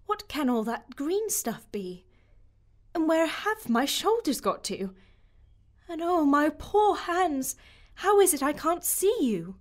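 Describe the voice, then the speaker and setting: A woman's voice: high voice, big pitch swings, slow pace, heavily acted. A woman playing a curious, bewildered but plucky little girl in an audio drama, earnest and wondering.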